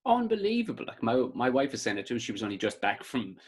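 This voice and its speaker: An Irish comedian in his thirties chatting casually as a podcast guest, telling stories with bursts of high mock voices. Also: fast, slightly rough. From Ireland. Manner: animated storytelling, jumps into high-pitched mock voices.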